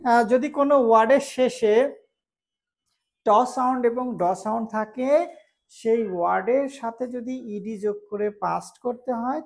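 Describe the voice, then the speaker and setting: A woman with a Bangladeshi accent teaching English pronunciation, explaining slowly, repeating each word and asking if it is clear. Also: fairly high pitch, darkish tone. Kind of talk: spoken English lesson.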